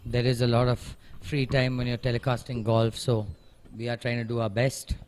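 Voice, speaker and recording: A man's voice: mid-range voice, level tone, moderate pace, a little mellow, slight background noise. A man giving conversational live golf commentary, analysing each shot and offering encouraging remarks.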